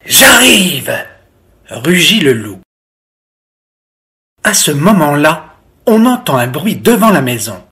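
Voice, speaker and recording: A storyteller reading a children's picture book aloud in a slow, expressive way. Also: mid-range voice.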